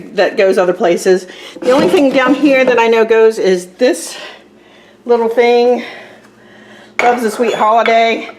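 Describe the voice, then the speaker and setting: A middle-aged woman chatting casually in a rambling way as she declutters her home kitchen, filmed on a tripod camera. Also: on the high side. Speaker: vlogger. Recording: echoey room with faint noise.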